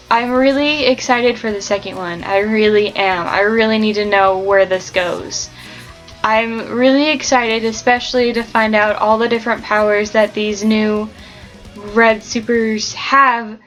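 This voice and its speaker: Slow-talking, high-voiced woman gushing about books. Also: fairly even intonation, a bit bright, soft background music, poor audio. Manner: gushing, ranting, rambling with fillers. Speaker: book vlogger. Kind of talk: casual book review chat.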